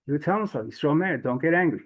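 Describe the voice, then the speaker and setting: Animated, higher-pitched man telling stories. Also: quick pace, rough recording. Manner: chatty storyteller, frequent restarts, lively pitch swings. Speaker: rabbi teaching a Torah class. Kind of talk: storytelling Torah lesson.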